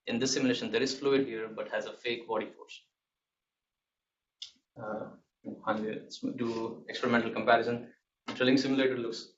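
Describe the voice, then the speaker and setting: A young man giving a technical thesis presentation, halting and hesitant, often restarting his words. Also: medium pitch. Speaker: PhD candidate presenting a thesis defense. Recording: muffled, distant mic with background noise.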